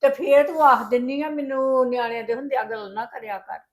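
A woman's voice: high-pitched, steady tone, brisk, close to an everyday voice. An older woman playing a doting grandmother who soothes her granddaughter and argues with her daughter-in-law. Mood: arguing. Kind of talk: family drama acting.

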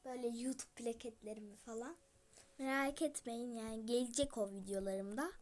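A woman's voice: on the high side, normal speed, darkish tone. A female YouTuber giving chatty game commentary, talking straight to her viewers and slipping into whispered asides. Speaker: gaming YouTuber.

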